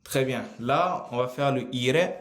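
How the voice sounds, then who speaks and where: Male teacher, mid-pitched, unhurried live-lesson delivery, roomy echo. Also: slight background noise. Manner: slow, drawn-out explaining with frequent pauses. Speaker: Italian teacher. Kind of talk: live online grammar lesson. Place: room, typing on a keyboard.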